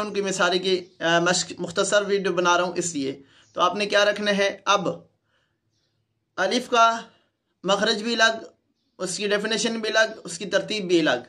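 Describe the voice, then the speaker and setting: A man's voice: sits high, steady tone, bright, forceful tone. A man with a Pakistani Urdu accent, a Quran teacher patiently demonstrating letter sounds for other teachers in a recorded lesson.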